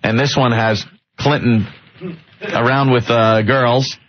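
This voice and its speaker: A man's voice: medium pitch, fairly even intonation, slow pace, a little hiss or hum. A man hosting a radio show, chatting casually and laughing as he reads tabloid stories aloud. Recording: dull lo-fi radio broadcast.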